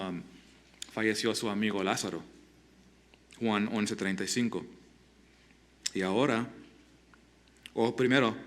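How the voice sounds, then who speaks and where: A man preaching a sermon as pastor, earnest and halting, often restarting his words and asking the listeners direct questions. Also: mid-range voice. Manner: asks the congregation direct questions.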